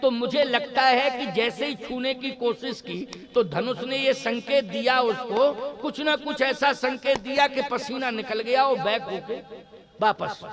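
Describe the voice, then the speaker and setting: A man's voice: very high-pitched, a little slow, crowd noise. A man telling a devotional story as a sermon, asking the audience questions. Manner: lively, rhetorical questions to audience. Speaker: religious storyteller. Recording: live audience laughter.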